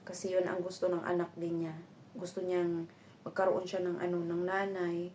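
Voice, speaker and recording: A woman's voice: on the low side, completely flat delivery, moderate pace, dark tone, a little hiss or hum. Chatty Filipino woman vlogging. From Philippines. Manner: chatty, rambling, many fillers and restarts. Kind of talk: casual chat to viewers.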